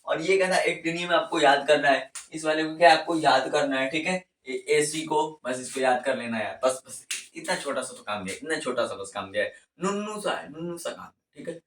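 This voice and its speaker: A man's voice: fairly high pitch, fairly quick, a bit bright, a little hiss or hum. A male chemistry teacher teaching mnemonics at a board, repeating phrases again and again and coaxing students to follow. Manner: repetitive, coaxing, drills phrases over and over. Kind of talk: classroom lesson with mnemonics at a board. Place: classroom with a board. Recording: echoey room, voice from a distance.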